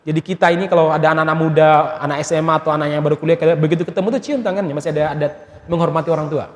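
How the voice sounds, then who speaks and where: A man from Indonesia's Malay region giving a sermon as a preacher, telling stories in a lively way with friendly asides to the congregation. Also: a little high, racing. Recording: echoey hall with long reverb.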